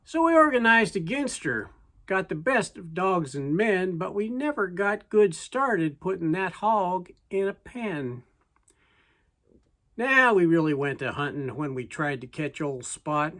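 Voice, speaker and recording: Slow reciting folksy verse. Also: mid-range voice, big pitch swings, a bit bright. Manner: slow, folksy delivery with deliberate pauses. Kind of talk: cowboy poetry recitation, storytelling in verse.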